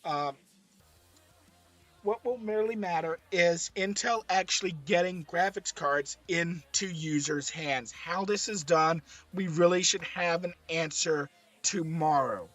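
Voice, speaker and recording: Hoarse, high-voiced man giving tech commentary. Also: measured pace, fairly bright tone, faint music behind. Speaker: streamer, presenter. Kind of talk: slide-based tech commentary.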